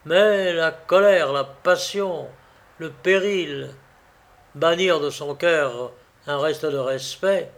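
A man narrating a novel as an audiobook, with a measured, dramatic reading. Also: a little high, fairly bright tone.

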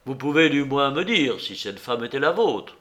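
A man voicing a severe police commissioner who questions a suspect sharply and loudly. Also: mid-range voice, big pitch swings, normal speed. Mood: mocking. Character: stern, probing male police commissioner.

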